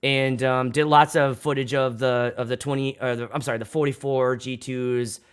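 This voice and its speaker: A young Pittsburgh man with a local accent DJs on a casual livestream, his voice medium-pitched, steady, smooth and moderately paced. He rambles, swears freely and keeps restarting his sentences.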